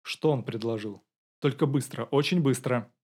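A man's voice: mid-range voice, moderate pace, a little mellow, lightly acted. Dronго: a man voicing a curt, steely investigator. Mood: pressing. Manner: curt, commanding. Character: calm, hard male investigator, curt. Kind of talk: audiobook character voice.

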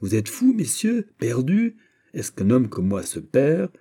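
A man's voice: mid-range voice, normal speed, mellow, pitched above the performer's own voice, close to an everyday voice. A man reading an audiobook, voicing an imperious male general who speaks in a stern, sonorous way. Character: commanding middle-aged male general. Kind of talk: audiobook character voice.

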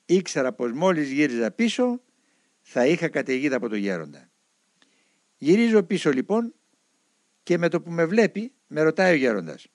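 Guy reading a memoir audiobook, really lively pitch, dry close sound. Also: long pauses, no echo. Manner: expressive storytelling. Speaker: audiobook reader. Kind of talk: audiobook narration of a monk's memoir.

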